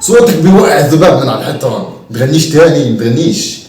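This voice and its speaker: A man's voice: fairly high pitch, lively intonation, rapid-fire, a little mellow, lightly acted. Man as a grumpy sarcastic father, Egyptian Arabic accent, scolding, echoey distant room. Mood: mocking. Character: grumpy father, throws slippers, scornful. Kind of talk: homemade comedy sketch acting. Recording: echoey room, far from the mic, faint hiss.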